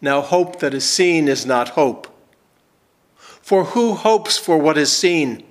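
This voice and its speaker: A man in his sixties, a pastor, reading scripture and praying in a slow, measured, emphatic way in a church sanctuary. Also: on the high side, expressive.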